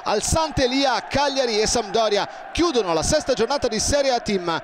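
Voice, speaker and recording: A man commentating on football in breathless, excited goal-call style, shouting and stretching out his words. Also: extremely high pitch, normal speed. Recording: crowd roar and stadium noise behind. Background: loud stadium crowd.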